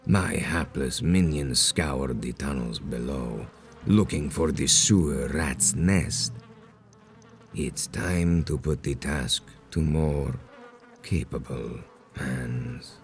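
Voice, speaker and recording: Extremely deep, menacing ancient vampire lord. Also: male voice, exaggerated voice. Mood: commanding menace. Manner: solemn, grandiose, deliberate. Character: ancient menacing male vampire sect leader, grandiose and cold. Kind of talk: dramatic video game villain dialogue.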